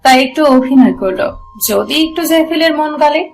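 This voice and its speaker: A woman narrating a romance audio story in a steady storytelling manner. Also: high voice, moderate pace, vocal fry, faint music behind, rough recording.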